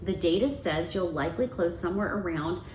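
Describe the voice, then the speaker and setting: A woman's voice: lowish voice, animated, a little fast, darkish tone. Woman presenting in an echoey room. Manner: explanatory, emphatic on key words. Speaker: real estate agent presenting a market report. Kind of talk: presentation of a market report to viewers. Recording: echoey room, faint background noise.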